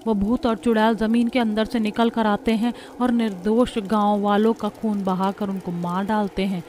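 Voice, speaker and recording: A woman's voice: medium pitch, level tone, normal speed, darkish tone, lightly acted. A woman voicing a terrified village woman in a cartoon, panicked and pleading. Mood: desperate. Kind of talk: cartoon voice acting.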